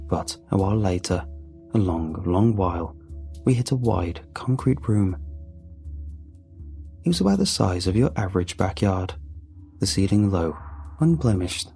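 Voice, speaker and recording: A man reading a scripted horror story aloud in a slow, hushed and deliberate manner. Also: on the low side, creaky. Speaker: narrator.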